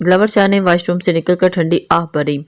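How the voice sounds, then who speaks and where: A woman narrating a romantic novel aloud in a steady, even reading voice. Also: lowish voice.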